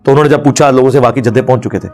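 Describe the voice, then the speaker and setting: A man's voice: medium pitch, a little mellow, soft background music. A man giving a religious lecture, mocking his opponents and laughing as he argues. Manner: mocking, laughs while arguing. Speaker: Islamic scholar.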